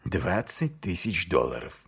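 A man reading aloud as a world-weary male watch commander, middle-aged and sardonic. His voice sits low and quiet, with dry mockery in every line. An audiobook character voice. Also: huge pitch swings, unhurried, vocal fry, breathy edge, full character voice. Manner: dry, mocking, low and subdued.

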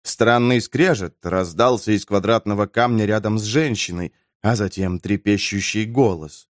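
A man narrating a fantasy audiobook in an expressive storytelling voice. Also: on the low side, moderate pace, dry recording, clean studio sound.

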